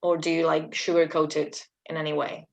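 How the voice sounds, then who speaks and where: A woman's voice: low-pitched, monotone, fairly quick, vocal fry, poor audio. A woman student asking her tutor a question in class, hesitant with frequent fillers.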